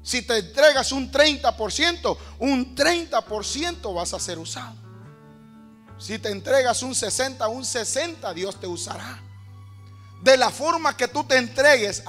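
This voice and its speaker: A man preaching a sermon, often calling his listeners brothers and building to shouted, rhythmic repetition. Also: very high-pitched.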